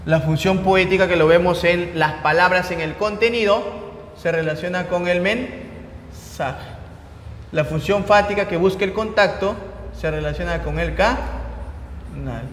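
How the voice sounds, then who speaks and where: A man teaching a recorded lecture to students with a Peruvian Spanish accent, checking in with "¿ya?" and "¿no?" as he explains, stressing key terms slowly before trailing off quieter. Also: high voice, slight background noise. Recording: echoey room with long reverb.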